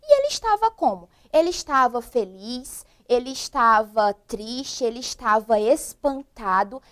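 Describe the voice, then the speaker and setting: A woman's voice: fairly high pitch, sing-song, a little slow, a bit bright. A woman teaching a primary school class on a broadcast lesson, asking the children at home many questions. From Brazil. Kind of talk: televised remote classroom lesson.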